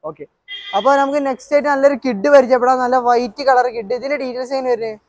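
Young man, mix, quick delivery, car showcase host, question-and-repeat manner, dry lapel mic sound. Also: extremely high pitch, darkish tone, no room sound. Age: young adult. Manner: mixes English words into Malayalam; asks questions and repeats answers back. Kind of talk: conversational used-car walkaround presentation. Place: open-air car lot. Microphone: clip-on lapel mic.

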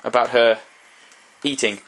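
A woman's voice: rumbling low, steady tone, a little slow, slight background noise. A woman chatting playfully into a camera in a bedroom, narrating her friend like a nature documentary. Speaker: vlogger. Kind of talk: casual vlog chat.

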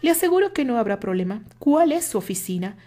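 A woman's voice: fairly high pitch, sing-song, fast talker, mellow, voice pushed up. Brief: woman doing arrogant young rival, fiery, emphatic, storybook reading. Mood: cold. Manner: raised, emphatic delivery. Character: proud young man, jealous, arrogant and fiery.

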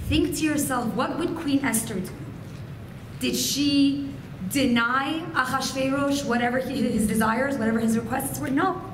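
Speaking from a podium microphone on a stand in an indoor hotel function room, a woman in her thirties gives an animated, gesturing keynote meant to inspire women. She has a high voice, comes from a Persian family, and Farsi is her first language. The audio is echoey with background noise.

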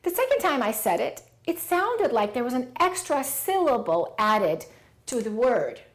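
A woman teaching English pronunciation in a clear, deliberate way. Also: a little high, very animated. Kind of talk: clip from an English lesson.

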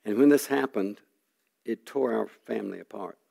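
Gravelly older man preaching a testimony. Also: on the low side, mellow. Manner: earnest storytelling, halting restarts, frequent throat clearing. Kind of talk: sermon testimony.

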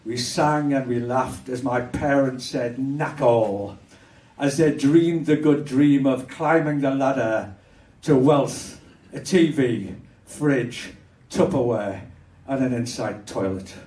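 Slow wry Hull poet on stage. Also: male voice, mid-range voice, darkish tone, far from the mic. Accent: Hull, Yorkshire. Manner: measured, wry, with bursts of anger. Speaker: spoken word poet. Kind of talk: spoken word performance. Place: small dark performance venue. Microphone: stage mic on stand, filmed from far. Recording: roomy venue sound from afar.

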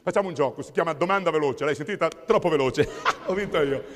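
A comedian voices a fussy male examiner in a live stage comedy, a slightly high voice patters out puns and repeats every line. The long theatre reverb hangs around each phrase, and audience laughter breaks in. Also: a bit bright, close to an everyday voice. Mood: jokey reassuring. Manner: rapid wordplay patter, repeating himself. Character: fussy male examiner testing a young man.

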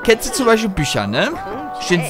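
A man voicing a dim-witted adult male game character who rants in a high, loud, whiny voice over game music. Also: wildly swooping pitch, a little fast, a crowd in the background. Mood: indignant whining. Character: dim, indignant adult male Sim ranting. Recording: game music playing behind.

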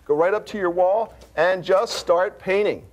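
American man pitching as home shopping host. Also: moderate pace. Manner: emphatic, persuasive, demonstrating as he talks. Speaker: infomercial pitchman. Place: TV studio demonstration set. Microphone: lapel mic.

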